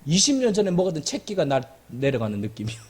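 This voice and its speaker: Male pastor, sermon. High voice, big swings in pitch. Emphatic, repeats lines, jokes with the congregation. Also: fast talker, husky. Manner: animated and emphatic, with jokes and repetition.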